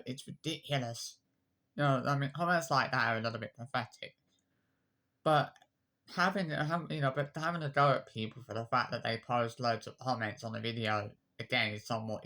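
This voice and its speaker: A man in his 20s, a YouTube commenter, rants defensively to camera without a script, sounding aggrieved. His medium-pitched voice is pushed and bright, and he repeats himself, restarts phrases and lists insults.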